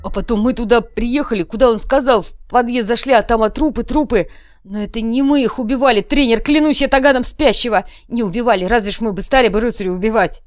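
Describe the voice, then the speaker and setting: A woman's voice: on the high side, fast talker, dry recording, clean studio sound, soft background music, natural voice. A woman voicing a crude, whiny male redcap thug in an audiobook, rambling and pleading, repeating words. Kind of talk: audiobook character voice.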